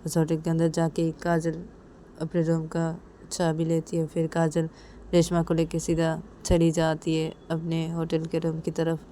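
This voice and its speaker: A woman tells a romance story in a relaxed, casual way, chaining events with simple repeated phrasing. Her voice sits low and sounds mellow and warm. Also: measured pace, slight background noise. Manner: simple, repetitive phrasing with many linking 'then's.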